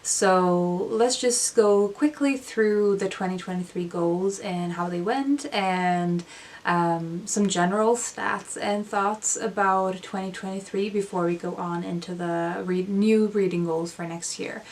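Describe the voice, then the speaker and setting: A young Swedish-speaking woman vlogs about her reading from a small room lined with bookshelves at home, casual and thoughtful, with plenty of ums and self-corrections. Her medium-pitched voice is a little slow and darkish, with fairly even intonation. She sits far from the mic, and there's a bit of hiss or hum.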